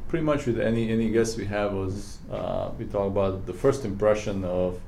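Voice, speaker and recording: A man co-hosting a podcast, asking questions in a halting way with pauses and fillers. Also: on the low side, steady tone, gravelly, dark tone, slight background noise. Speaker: podcast co-host. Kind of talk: casual podcast interviewing.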